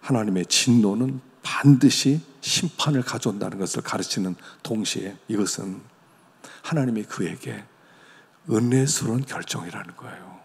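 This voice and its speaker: A male pastor delivers a sermon in a gravelly, husky voice of middling pitch. He preaches conversationally, tossing rhetorical questions at his listeners. A long reverb from the church hall hangs behind every phrase. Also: normal speed. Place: church sanctuary.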